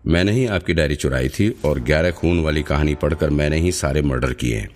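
A man voicing a nervous young male fan who confesses to murders, speaking quietly with his gaze lowered. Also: fairly quick. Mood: confessing.

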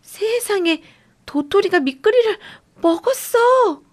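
A woman voicing an excitable little boy who shouts eagerly at his big sister. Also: fairly high pitch, unhurried, gravelly, exaggerated voice. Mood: excited.

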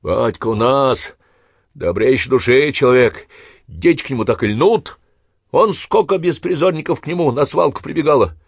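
A man voicing a rowdy, irreverent grown son who cracks loud jokes. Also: mid-range voice, animated, moderate pace, dry recording, clean studio sound, voice pushed up. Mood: boisterous. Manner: boisterous, loud wisecracking.

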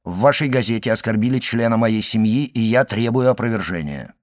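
A man's voice: medium pitch, moderate pace, natural voice. A man reading the part of a proud young nobleman in an audiobook, speaking firmly and insistently. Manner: firm, clipped, demanding.

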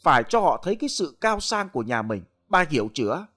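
Man doing pompous greedy husband, lecturing tone, lively pitch, for a spoken ghost tale. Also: quick pace. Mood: bossy. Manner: bossy, lecturing. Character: greedy, pompous rich middle-aged husband.

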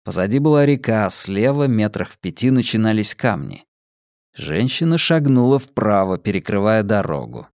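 A man narrating an audiobook in a steady, measured reading voice. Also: fairly low pitch, clean tone, no echo, studio quality.

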